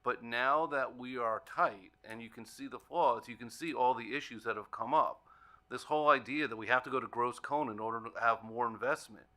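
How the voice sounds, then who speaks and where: A man's voice: mid-range voice, moderate pace, sharp tone. A man, speaking as a consumer advocate on a panel in an earnest, plainspoken way. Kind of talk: panel discussion remarks.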